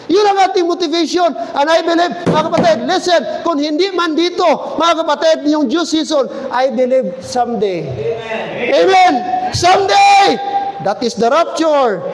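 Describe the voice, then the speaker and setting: High-voiced shouting preacher, echoey hall. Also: male voice, expressive, normal speed, a crowd in the background, noisy background. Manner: impassioned, often shouting, mixes English into Filipino, calls out to the congregation. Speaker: pastor. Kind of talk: fervent preaching sermon. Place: church service.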